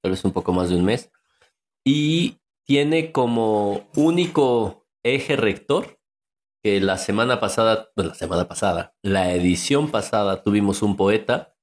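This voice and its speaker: A man's voice: fairly low pitch, lively intonation, a little slow. A man, co-hosting a podcast in casual chat, rambling and joking as he stops and restarts his sentences. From Mexico City. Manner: rambling, self-interrupting, joking. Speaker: podcast co-host.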